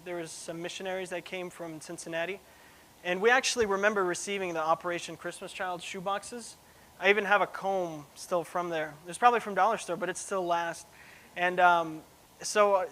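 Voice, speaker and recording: Bright-voiced young man preaching casually. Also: sits high. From Russia. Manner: casual, joking asides with fillers. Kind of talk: sermon. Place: church.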